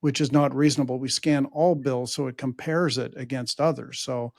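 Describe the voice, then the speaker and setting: A man's voice: medium pitch, fairly even intonation, moderate pace, gravelly, darkish tone. A man from Canada hosting a podcast interview, casual and affirming. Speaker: podcast host. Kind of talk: conversational interview.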